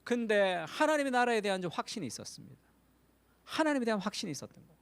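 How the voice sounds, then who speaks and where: Lively high-voiced male pastor preaching. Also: racing, vocal fry, clean tone. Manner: animated storytelling, acts out quoted voices. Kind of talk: Sunday sermon.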